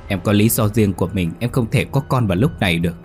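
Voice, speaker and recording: A man's voice: on the low side, quick pace, faint music behind, natural voice. A man voicing a sobbing, pleading young wife. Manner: begging, tearful, rising to cries.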